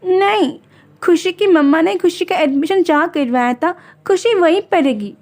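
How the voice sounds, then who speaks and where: A woman's voice: very high voice, moderate pace. A woman doing a chirpy little girl of seven. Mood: earnest. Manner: sweet, childlike, lively. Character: innocent chatty seven-year-old girl.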